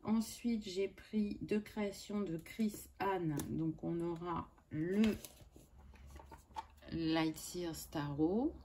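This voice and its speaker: A woman speaks slowly and softly, pausing often as she gives a spiritual card reading. Her voice is mellow and slightly low. A faint noise hangs in the background. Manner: slow, gentle, many pauses and fillers. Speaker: tarot and oracle card reader.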